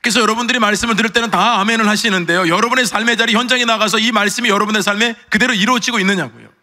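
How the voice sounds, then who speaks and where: A middle-aged man preaching a sermon as pastor, animated, acting out the voices he quotes. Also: sits high. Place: church sanctuary. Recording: long church reverb.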